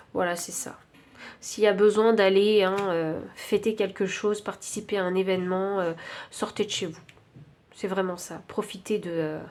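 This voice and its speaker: Here a tarot reader with a French accent works through an intuitive reading, pausing often and filling gaps as she thinks. Her medium-pitched voice has a darkish quality, with slight hiss or hum on the recording.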